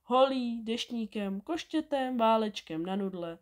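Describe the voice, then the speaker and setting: A woman reads a children's bedtime story with an expressive, lively voice that rises and falls a great deal. Her voice sits fairly high, and she tells the story in a steady storybook manner. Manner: expressive, animated reading.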